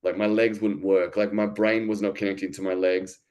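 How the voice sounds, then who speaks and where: A man's voice: low-pitched, little pitch movement, moderate pace, a little mellow. A man in his thirties telling his own story in a candid, informal way with lots of fillers and restarts. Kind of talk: casual conversational storytelling.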